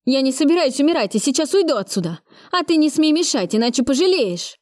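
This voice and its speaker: A panicky young man with a trembling, cracking voice, pitched high and strained, as a woman reader puts him on. He yells threats but sounds scared out of his wits, in a dry, close audiobook recording. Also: very animated, fast talker, dry recording. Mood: panicked. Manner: shrill, shaky, breaking voice. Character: frightened young male arsonist, jittery.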